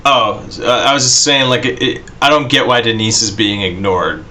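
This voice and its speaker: Laid-back man with a bright tone. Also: medium pitch, moderate pace, slight background noise. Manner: laid-back, laughs often, says "like" and "you know". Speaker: podcast co-host. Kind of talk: casual chat.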